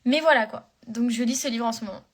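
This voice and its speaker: A woman's voice: on the high side, fast. A young woman chatting casually on a live stream, rambling with many fillers and restarts. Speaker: live-stream host answering fans.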